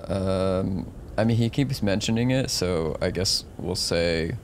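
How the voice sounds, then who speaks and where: A man in his thirties with a lowish, crackly voice streams a horror game from a small room. He mutters exasperated asides and reads dialogue casually. Faint game noise sits behind him. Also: slow pace. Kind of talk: casual game commentary, reading dialogue choices. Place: small home room, indoors.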